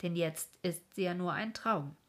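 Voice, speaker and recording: A woman's voice: lowish voice, measured pace, natural voice. Woman reading as the kindly old King of Dreams.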